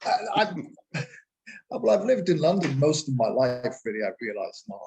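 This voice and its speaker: A man's voice: medium pitch, big pitch swings, normal speed, darkish tone, slight background noise. A man with a Glaswegian accent in casual panel chat, reflective and repeating words as he thinks. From Glasgow, Scotland. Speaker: actor.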